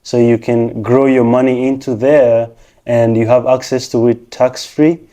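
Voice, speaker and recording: With a very dark, mellow tone, a mid-range voice and little pitch movement, the Rwandan man speaks unhurriedly. As a technician and financial professional being interviewed, he gives casual answers, patiently explaining things step by step.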